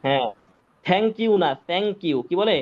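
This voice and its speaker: A man's voice: high-pitched, expressive, slow. A male Quran teacher, giving a live online pronunciation lesson, patient and repetitive, often checking whether students follow. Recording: dull lo-fi sound.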